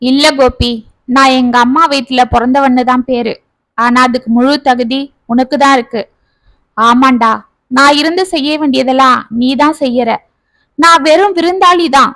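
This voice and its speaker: A woman's voice: high-pitched, fairly even intonation, moderate pace, a bit bright, no echo. A woman voicing a regretful grown son and father, speaking in a sorrowful, self-reproaching way.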